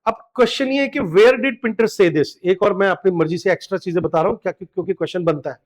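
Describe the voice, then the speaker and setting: Indian male tutor, middle-aged, high and clear voice, patient exam-prep lecturing style. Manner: explains step by step, reads English quotes slowly. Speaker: literature teacher. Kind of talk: exam-prep lecture, Hindi mixed with English.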